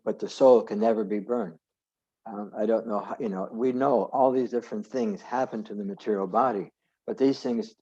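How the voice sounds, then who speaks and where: A man's voice: fairly low pitch, dark tone, breathy edge. A man giving an informal scripture class over a video call, rambling and correcting himself as he goes. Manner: rambling, self-correcting, digressive. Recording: dull lo-fi video call audio.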